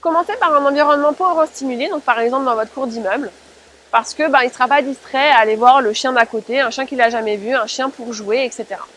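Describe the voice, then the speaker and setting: A woman's voice: sits high, quick pace, fairly bright tone. A woman giving an informal spoken tutorial as a dog-training presenter, explaining step by step and addressing listeners directly.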